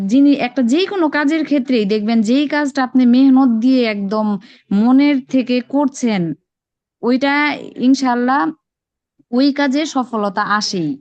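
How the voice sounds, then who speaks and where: A woman's voice: a little high, a little mellow. A woman teaching Arabic letter sounds in an online class, patiently repeating drills and encouraging her students. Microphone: online call microphone. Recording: dull lo-fi online call audio.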